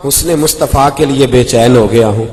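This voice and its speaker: A man voicing a devout young man who pleads quietly and with longing, in a reverberant hall. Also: medium pitch, voice pushed down, lightly acted. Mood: pleading.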